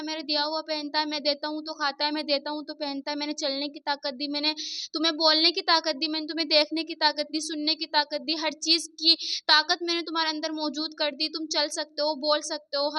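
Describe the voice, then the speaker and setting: A woman with a Pakistani Urdu accent gives a devotional talk, her voice high and even in tone. She speaks earnestly, repeating her phrases for emphasis. Her tone stays bright throughout. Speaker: religious speaker.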